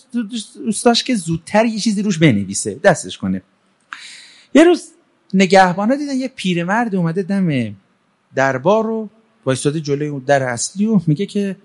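A man casually retelling a folk tale in a fairly high voice. His intonation rises and falls a great deal. The telling stays loose and conversational, with everyday fillers. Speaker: storyteller. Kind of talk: casual oral storytelling.

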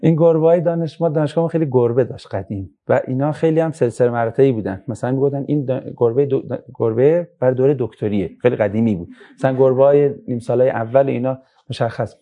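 A man giving a moral lecture to a young audience, telling stories with lively emphasis and quiet asides. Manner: animated storytelling, voice rising high for emphasis, drops low for asides.

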